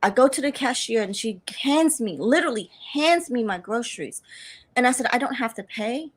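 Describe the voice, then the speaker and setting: A woman in her thirties tells her own story in a plain, earnest testimony. Her voice sits a little high, and she stumbles into restarts as she relives her doubts. She often speaks her past thoughts aloud as she goes. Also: expressive. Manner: earnest storytelling with halting restarts and acted-out inner dialogue. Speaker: survivor telling her story. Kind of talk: personal testimony.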